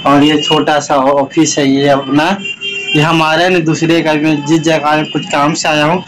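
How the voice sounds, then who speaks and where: A man's voice: fairly high pitch, flat delivery, normal speed, noisy background. A young man chatting casually to his vlog camera in a wistful, reflective way. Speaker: vlogger.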